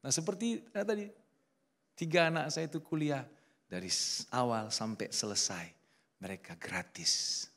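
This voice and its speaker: A man's voice: mid-range voice, normal speed. A middle-aged man preaching a sermon at a church service, telling stories with acted-out quotes. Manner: lively storytelling with acted quotes. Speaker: pastor.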